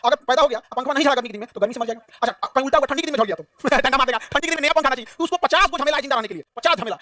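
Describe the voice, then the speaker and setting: A man lecturing a class at a rushed clip, his voice very high and bright, firing questions and repeating terms. He is picked up from a few steps away in a dry room. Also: no echo. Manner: repetitive, quizzing, humorous. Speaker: teacher. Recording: dry, mic at a distance.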